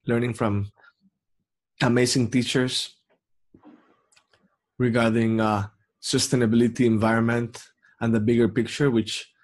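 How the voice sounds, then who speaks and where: Alone at the mic, a reflective young podcast host from Mexico talks in a lowish voice. He moves slowly through his monologue, stopping often and filling gaps with ums.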